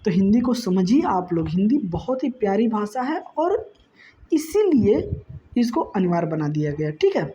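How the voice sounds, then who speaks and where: Woman teacher with a mellow, muffled voice. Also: mid-range voice, sing-song, moderate pace. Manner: explains answers conversationally, repeats "ठीक है". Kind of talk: exam-prep lesson. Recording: dull lo-fi sound.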